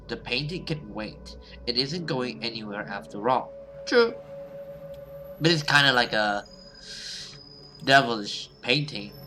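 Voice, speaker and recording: With game music running behind his voice, a man reads a visual novel's story aloud for his gaming YouTube channel, mixing in casual, hesitant commentary and the occasional curse. His medium-pitched voice sounds pushed and bright.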